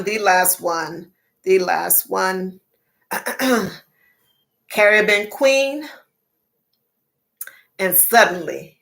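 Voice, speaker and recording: A woman's voice: on the low side, vocal fry, a bit bright. A middle-aged woman hosting a casual livestream chat, chatty, repeating phrases and laughing often. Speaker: livestream host.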